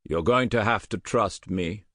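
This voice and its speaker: A man's voice: lowish voice, measured pace, a bit bright, no room sound. A man voicing a shrewd, rotund British colonel in his sixties with a faint Scottish trace, asking clipped, dry questions in an audiobook. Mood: dry probing. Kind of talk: audiobook character voice.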